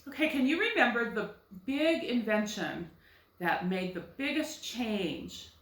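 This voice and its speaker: An American woman teaches young children in a clear, bright voice, patiently explaining and posing questions she then answers herself. She sounds a little distant from the mic, in an echoey room. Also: a little high, big pitch swings, unhurried. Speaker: first grade teacher. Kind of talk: recorded phonics lesson for children.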